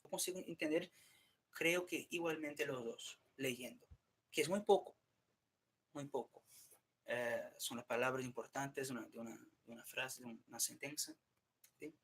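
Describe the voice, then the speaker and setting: A streamer talks to himself in a loose, rambling monologue, swearing often, restarting and cutting himself off, and switching between English and Spanish. His voice is medium-pitched, slightly bright, and husky, and he speaks at a normal speed.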